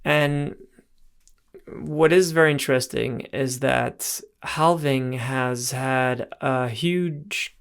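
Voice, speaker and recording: Gravelly-voiced man explaining markets. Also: mid-range voice, slow. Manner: loose, restarting, asks "right?" to check in. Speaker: host. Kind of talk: explaining market analysis over charts.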